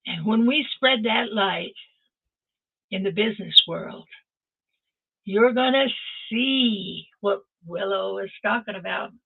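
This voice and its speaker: An older woman with a gravelly, husky voice hosts a motivational stream, exhorting her listeners with fervent conviction. She speaks at a middling pitch. Her voice comes through a narrow, phone-like video call line. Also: slow pace. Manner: impassioned, exhorting listeners directly. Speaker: host. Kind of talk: motivational talk.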